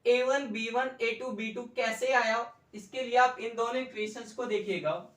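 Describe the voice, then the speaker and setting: An economics tutor gives a whiteboard math lesson, explaining slowly and patiently while repeating each point and quizzing his students with questions. His voice is extremely high, steady in tone, and a bit bright. The mic is far from him in an echoey classroom.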